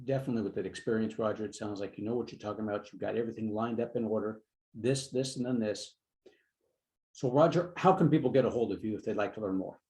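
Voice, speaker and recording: A man's voice: fairly low pitch, quick pace, darkish tone, rough recording. A man hosting a business podcast, upbeat and encouraging toward his guest. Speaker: podcast host. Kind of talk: interview hosting.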